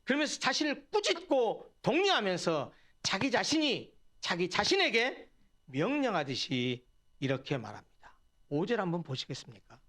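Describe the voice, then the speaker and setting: A man's voice: high voice, a bit bright. A man preaching a sermon as pastor in a church, talking earnestly and putting rhetorical questions to his congregation. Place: church sanctuary.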